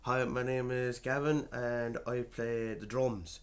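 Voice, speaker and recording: A man's voice: mid-range voice, fairly even intonation, slow, loud music behind the voice. A man, a drummer chatting loosely and jokingly in a casual interview. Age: 20s. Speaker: band drummer.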